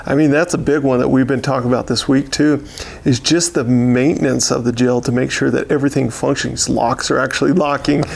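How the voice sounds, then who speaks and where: An American man speaking as a county sheriff in an unscripted interview, steady but halting, with frequent pauses and repeated words, in a gravelly voice. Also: mid-range voice. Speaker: county sheriff giving a year-in-review.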